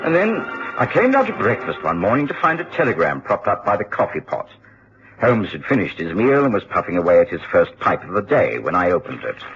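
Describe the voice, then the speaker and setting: An actor playing a genial, earnest middle-aged gentleman doctor with a Received Pronunciation accent, telling his adventures in a radio drama in a measured, expressive way. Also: deep voice, faint music behind, heavily acted. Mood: grave storytelling. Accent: British Received Pronunciation. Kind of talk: radio drama narration and dialogue. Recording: dull, faintly noisy old radio recording.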